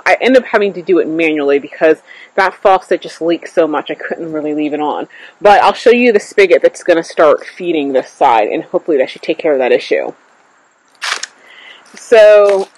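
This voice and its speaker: Outdoors on a clip-on mic, a woman casually tours her backyard garden, thinking aloud with fillers and self-corrections. Her voice is lowish, and the poor audio carries slight background noise.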